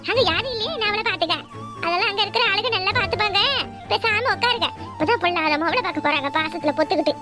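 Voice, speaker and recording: A woman with a southern Tamil Nadu accent voicing a spiteful, scheming mother-in-law who taunts and scolds at a rapid clip. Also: very high voice, loud music behind the voice. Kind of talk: cartoon voice acting.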